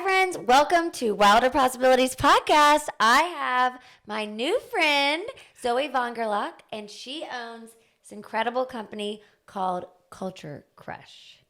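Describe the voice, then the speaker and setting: A woman's voice: high voice, fairly bright tone. A woman hosting a podcast in casual interview chat, bubbly and playful, laughing often. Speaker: podcast host.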